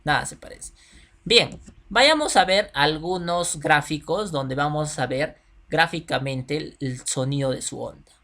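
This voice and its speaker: A man's voice: a little high, measured pace, bright, forceful tone. A man teaching a video lesson to children. He speaks directly to the pupil, uses simple everyday examples and often checks that they follow. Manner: checks in with the listener often, asking "ya?".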